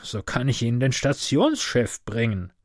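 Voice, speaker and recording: A man voicing a timid but officious middle-aged male train conductor who speaks stiffly and gives way quickly. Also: medium pitch, sing-song, no room sound, clean studio sound. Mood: grumbling.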